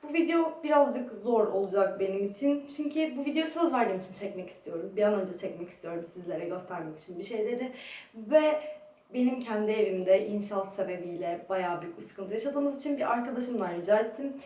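A woman's voice: mid-range voice, expressive, brisk, dark tone. A young woman giving a casual product review to camera as a beauty vlogger, in a very echoey room. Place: very echoey room in a friend's home. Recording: echoey room, distant microphone.

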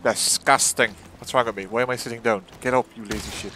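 A man's voice: medium pitch, steady tone, fast, pushed and bright, slight background noise. Joking, swearing man gaming with friends. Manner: jokey, swearing, self-mocking. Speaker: gamer playing with friends. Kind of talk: casual gameplay banter.

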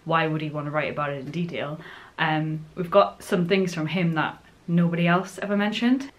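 Woman, 20s, Northern English accent, slightly low voice, informal vlog chat to camera. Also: steady tone, normal speed. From Northumbria, northern England. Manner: informal, chatty. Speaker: vlogger. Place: furnished living room indoors.

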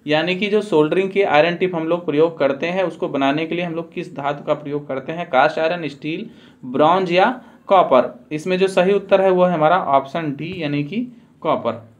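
A man's voice: a little high, moderate pace, dull audio. A man teaching a trade quiz, reading out each question and its options, then giving the answer with a careful explanation. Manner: methodical, repeats each answer with a Hindi explanation. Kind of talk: quiz-style lesson, reading questions aloud.

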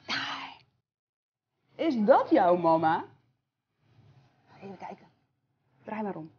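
A woman's voice: mid-range voice, big pitch swings, slow, darkish tone, breathy edge, dull audio. A woman reading a picture book aloud to young children, sing-song and coaxing, asking them questions as she goes.

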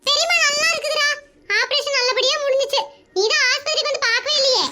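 A woman's voice: extremely high pitch, quick pace, very noisy, voice pushed up. A woman putting on a needling sister-in-law. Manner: needling, sarcastic. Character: sharp-tongued older sister-in-law, taunting woman.

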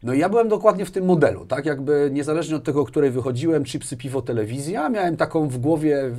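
Animated and quick, a man in his forties speaks with a higher-side voice and darkish tone. He's a business manager being interviewed in a small furnished indoor studio, recounting personal anecdotes conversationally and often using tag questions, with a lapel mic picking him up.

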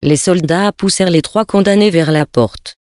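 A reader narrating a novel in a measured, grave storytelling tone. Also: medium pitch, a little mellow, dry recording, studio quality. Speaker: audiobook reader.

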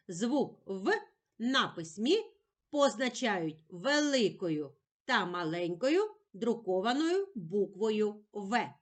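Slow singsong teacher woman. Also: medium pitch. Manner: sounds words out slowly, in a patient, singsong way. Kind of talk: slow lesson for young children.

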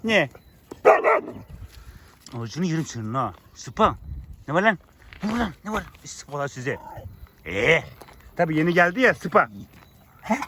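A man's voice: fairly high pitch, big pitch swings, measured pace, long pauses, background noise. A man talking outdoors to his farm animals, coaxing and scolding them fondly. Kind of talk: affectionate teasing talk to animals, vlog.

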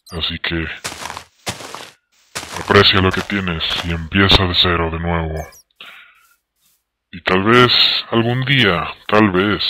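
A man's voice: low-pitched, bright, forceful tone, slight background noise, pitched below the performer's own voice, full character voice. A man voicing a mysterious, stern old man who lectures solemnly like a mentor in a game video.

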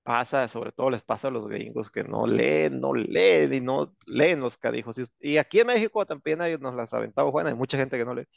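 A man's voice: medium pitch, brisk, vocal fry, hardly any pauses, dry recording. A man with a Mexican accent teaching an English class online, joking and sarcastic, with plenty of slang. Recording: dull lo-fi sound.

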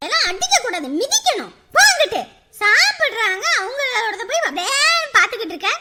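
A woman's voice: very high voice, big pitch swings, fairly quick, bright, forceful tone, a little hiss or hum, exaggerated voice. An actress playing a bustling mother who scolds her child and fusses over her guests. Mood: fussing.

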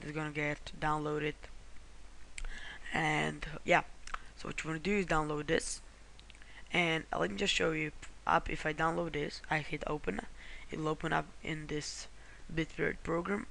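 A Croatian tutorial host guides viewers through a screen recording, his fairly high voice level, pushed, and bright, with vocal fry and a measured pace. He tends to ramble, fixing his own mistakes and apologizing, and there is a slight hiss or hum.

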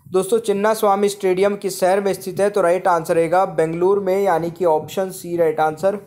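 A man's voice: high-pitched, flat delivery, brisk, a little mellow. A man teaching a general-knowledge quiz in a voice-over, reading each question twice and then giving the right answer. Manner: repeats each question, addresses viewers as friends. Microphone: voice-over on screen slides.

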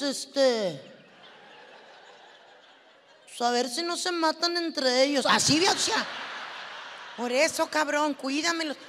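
A performer in a stand-up comedy act, playing a brash, foul-mouthed Mexican woman with a Mexican Spanish accent who is loud and sassy, swears a lot and keeps asking the audience questions. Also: sits high. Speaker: stand-up comic. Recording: live hall reverb with faint noise.

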